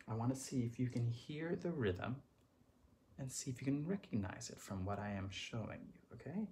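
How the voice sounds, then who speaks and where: Lively man teaching a kids' music class. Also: mid-range voice. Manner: chants rhythm syllables, addresses children warmly. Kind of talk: elementary music lesson.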